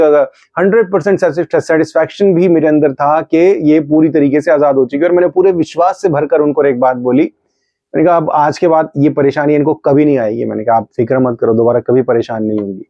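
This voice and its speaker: A man's voice: a little high, warm tone, no echo. Fervent man preaching a testimony, dull dry sound. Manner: fervent storytelling, acts out his own rebukes. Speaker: pastor. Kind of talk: testimony sermon. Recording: slightly dull, dry recording.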